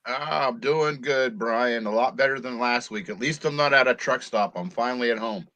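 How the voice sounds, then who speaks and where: A man's voice: mid-range voice, moderate pace, bright, forceful tone, dry recording. A man co-hosting a casual sports talk show from his home office, easygoing and hesitant, with many fillers and laughs. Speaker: co-host.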